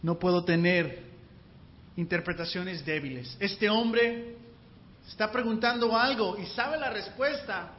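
A man preaching a church sermon in a conversational way, often asking the listeners whether they follow and drawing out key words. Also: high-pitched. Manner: conversational, keeps asking the listeners "you know?"; slow and deliberate, stretching key words. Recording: long hall reverb, dull lo-fi sound, faint background noise.

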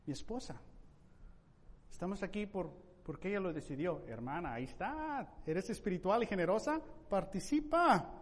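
A man preaching a sermon in an emphatic way, with sudden loud rising questions. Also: high voice, sing-song, moderate pace, slightly rough, big-room sound. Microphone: microphone.

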